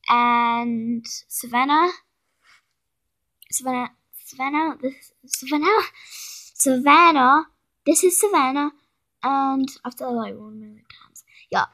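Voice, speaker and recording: A young woman with a high, pushed, bright voice gives a casual home video tour of her toy horse barn, filmed on a handheld phone in a carpeted room indoors. She sounds hesitant, correcting herself often and saying um a lot. The recording is rough.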